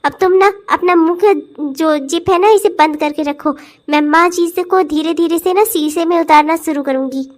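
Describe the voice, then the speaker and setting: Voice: extremely high pitch, moderate pace. A voice actor playing a cheeky, scheming young bride coaxing her husband in a cartoon comedy. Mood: wheedling. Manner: wheedling, cheeky, self-assured. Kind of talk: cartoon voice acting.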